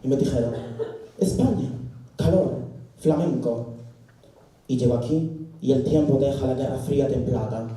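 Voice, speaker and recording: A man's voice: mid-range voice, moderate pace, pauses often, warm tone, close to an everyday voice. A man playing a male Siberian birdwatcher in a stand-up act, delivering dry punchlines on a theater stage. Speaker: stand-up comedian. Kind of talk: character stand-up monologue. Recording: echoey hall mic from far off.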